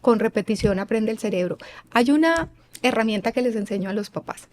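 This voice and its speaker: A fairly high-voiced woman talks as an expert guest in an interview. She sounds earnest and a bit like a teacher, slipping into quick acted-out lines of parents and kids. She keeps asking listeners "right?". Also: animated, darkish tone. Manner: earnest and didactic, acting out parents and children; asks listeners rhetorical questions. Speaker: guest expert on child rearing. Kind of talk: explanatory interview talk.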